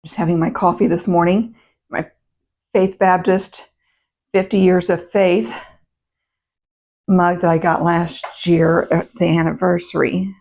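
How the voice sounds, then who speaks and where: A woman chatting casually to her camera as a vlog host, her voice still a little rough in the morning, meandering with fillers and self-corrections. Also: lowish voice, flat delivery, measured pace, long pauses, darkish tone. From United States. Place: home, indoors. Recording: dull, muffled sound.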